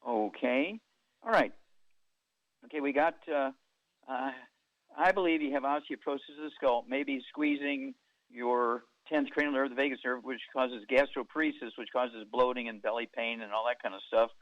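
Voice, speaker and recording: A man hosting a call-in health radio show, firing quick yes-no questions at callers and giving folksy analogies, taped off the radio. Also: mid-range voice, animated, dry recording. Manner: quizzes callers, many "okay"s, folksy analogies. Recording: dull radio broadcast taped off air.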